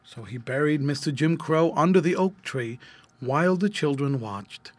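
A man narrating a children's storybook aloud in an expressive, lively read. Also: on the high side, normal speed, no echo.

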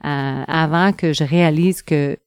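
Low, smooth woman, hesitant. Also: fairly even intonation, darkish tone, dry recording, studio quality. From northern Ontario. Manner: hesitant, many pauses and fillers. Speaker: researcher, interview guest. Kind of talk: casual interview answers.

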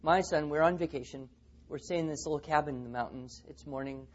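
A man's voice: on the high side, a little fast, dull audio. A man speaking at a teaching seminar, telling stories and acting out the quotes. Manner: storytelling, acts out quotes. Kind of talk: seminar talk with anecdotes.

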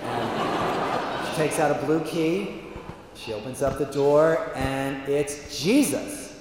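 A man's voice: mid-range voice, slow pace, heavy background noise. Man telling a joke in an echoey hall. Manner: animated, acting out scenes, chuckling asides. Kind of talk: storytelling a joke to an audience. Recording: echoey hall with faint ambience.

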